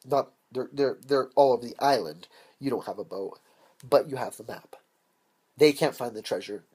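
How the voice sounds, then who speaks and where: A man's voice: mid-range voice, darkish tone, husky. A young man improvising a comic, profane parody of a movie plot, rambling and sarcastic as he jumps into silly voices. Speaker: comedian. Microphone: camera mic.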